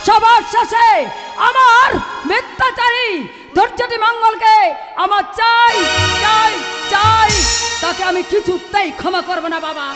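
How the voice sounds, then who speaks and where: An actress playing a wronged, vengeful ruler's daughter in a Bengali historical stage drama, impassioned and declamatory. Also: female voice, extremely high pitch, fairly even intonation, measured pace, hardly any pauses. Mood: vengeful, anguished. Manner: impassioned, declamatory, repeats phrases. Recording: reverberant hall, faint music behind.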